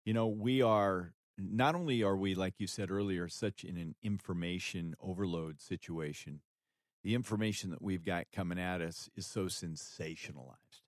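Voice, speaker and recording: A man with a deep, low-pitched voice talks through faith and life on a podcast. His delivery is earnest and emphatic, with a preacher's conviction. The sound is dry and close, with no room around it. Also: moderate pace, no echo. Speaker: podcast co-host, author. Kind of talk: faith-based conversational talk.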